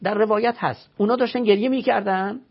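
A man's voice: high-pitched, fairly even intonation, slightly rough, highs cut off. A man, a religious scholar, giving an emphatic explanatory talk full of rhetorical questions and recited scripture, heard on a radio broadcast.

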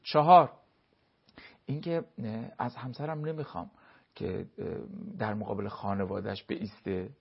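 A man speaks as a religious expert on a television talk program, his voice gravelly and husky and sitting a little high. He lectures emphatically, piling up rhetorical questions. The broadcast sound is dull and lo-fi. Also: steady tone.

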